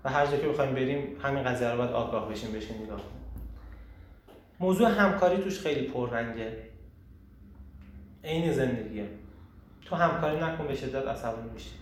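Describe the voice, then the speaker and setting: A man hosting a casual group talk on personal growth, animated and emphatic, often asking rhetorical questions. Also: mid-range voice, pauses often. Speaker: host leading a group discussion. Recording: echoey room, far from the mic, faint noise.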